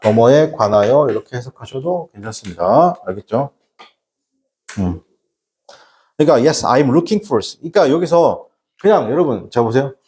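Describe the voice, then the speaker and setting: A middle-aged man lectures a classroom of students on English grammar, joking and constantly checking that they follow. His pitch swings widely from line to line, and his tone is warm and mellow. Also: lively intonation, normal speed. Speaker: English teacher.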